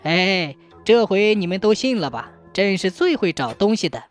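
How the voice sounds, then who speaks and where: A woman's voice: medium pitch, big pitch swings, normal speed, soft background music, lightly acted. A woman voicing a jovial, greedy male emperor who laughs and teases his officials. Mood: playful regal. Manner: laughing, mock-regal. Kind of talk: storytelling with acted dialogue.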